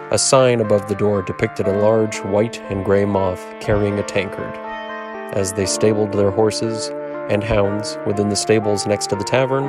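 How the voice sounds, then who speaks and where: A man narrating a fantasy adventure in a measured, descriptive storytelling manner. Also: on the low side. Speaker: narrator and game master. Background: music.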